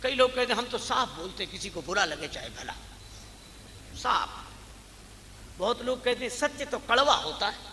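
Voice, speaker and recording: A middle-aged man preaching a devotional sermon with a bright, high voice that carries a long reverb. He speaks slowly, chants verses, and his voice rises in bursts of emphasis. Faint hiss sits under the sound. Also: sing-song. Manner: chants verses, voice swells with emphasis then drops low. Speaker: religious storyteller.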